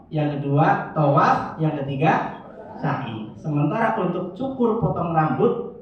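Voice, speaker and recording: A man teaching a crowd, his voice sitting a little high and bouncing around a very echoey hall. He sounds distant from the mic, muffled and dull. Light ambient noise sits under his lively, jokey delivery. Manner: lively, jokey, addresses audience as Pak and Bu. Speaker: umrah guide instructor. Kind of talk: religious briefing lecture.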